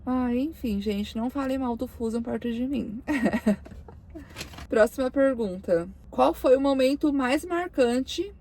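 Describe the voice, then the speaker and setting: A woman's voice: high voice, slow pace, dark tone, a little hiss or hum. A young woman from Brazil answering viewer questions in a casual vlog, chatty and emotional, her voice choked up at times. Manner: chatty, emotional, lots of fillers and self-quoting. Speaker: car vlogger.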